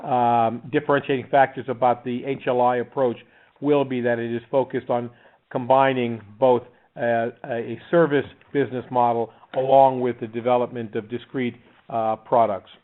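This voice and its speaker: A mid-pitched man delivers formal business remarks on a conference call. His phrasing is deliberate and halting, and he sounds thin over a speakerphone line. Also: little pitch movement. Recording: narrowband conference phone line.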